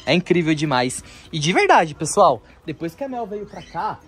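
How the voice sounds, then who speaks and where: A man's voice: fairly high pitch, big pitch swings, normal speed, fairly bright tone, soft background music. A man hosting a casual vlog as he tours his bird enclosures outdoors, chatting to viewers and cooing at the birds in baby talk. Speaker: bird keeper and vlog host.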